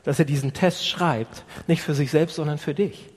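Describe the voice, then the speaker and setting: Husky, animated preacher in a reverberant hall. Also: male voice, a little high, normal speed. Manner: animated, with rhetorical questions to the congregation. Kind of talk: sermon. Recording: long reverb of a large hall.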